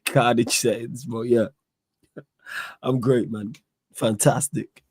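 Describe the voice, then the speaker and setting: A man from a football fan panel talks casually in a London accent. His voice is badly hoarse, as if used up. The recording is dry, with very little room sound. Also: mid-range voice, steady tone, takes it slowly, no echo. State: hoarse, voice gone from shouting the day before. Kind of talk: casual chat.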